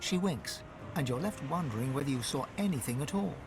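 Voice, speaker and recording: An actor playing a solemn, dramatic storyteller narrating a video game. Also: male voice, mid-range voice, expressive, brisk, over music, natural voice.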